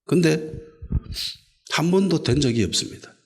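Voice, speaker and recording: A man preaching a sermon as pastor, asking the congregation rhetorical questions and swinging between loud calls and quiet asides. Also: on the high side, animated, moderate pace. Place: church sanctuary.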